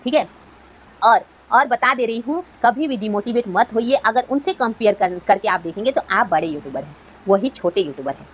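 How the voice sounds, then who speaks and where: A woman YouTuber gives an earnest motivational talk to fellow creators, tossing out rhetorical questions along the way. Her voice is a little high, expressive, and brisk, heard through a low-quality recording.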